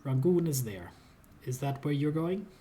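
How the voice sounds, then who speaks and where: A man's voice: on the high side, lively intonation, unhurried, mellow, slight background noise. A friendly woman deckhand from a story game gives plain, helpful advice, read aloud by a man in his own everyday voice. The tone stays simple and unforced.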